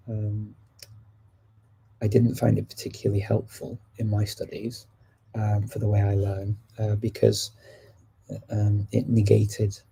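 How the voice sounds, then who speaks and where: A British man hosts a language-learning livestream, relaxed and chatty as he answers viewers' questions as they arrive. His lowish voice has vocal fry and a breathy edge, and the audio quality is poor.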